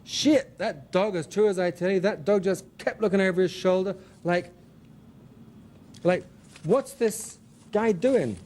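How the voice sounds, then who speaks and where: A man's voice: high voice, unhurried, darkish tone, slight background noise, voice pushed up. A man doing a boisterous redneck yarn-spinner. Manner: boisterous, insistent. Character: boastful redneck storyteller swearing to the truth.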